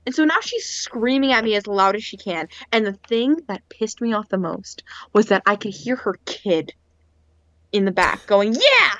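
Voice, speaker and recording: A woman's voice: medium pitch, normal speed, no room sound. A woman co-hosting a podcast, telling a story with animation and acting out the people in it. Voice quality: animated storyteller who acts out other people's lines. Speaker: podcast co-host. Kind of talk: casual chat. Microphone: internet call. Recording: dull lo-fi internet call audio.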